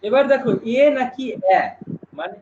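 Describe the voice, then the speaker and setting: A man teaching a live online class, chatty and lively, asking students questions as he explains. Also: extremely high pitch, moderate pace, gravelly. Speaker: online exam-prep teacher. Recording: dull lo-fi stream with noise.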